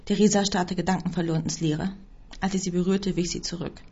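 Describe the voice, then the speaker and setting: A woman reading a first-person story aloud as scripted narration, with a husky voice. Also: lowish voice, steady tone, fairly quick, mellow. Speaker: audiobook reader. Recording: dull lo-fi recording.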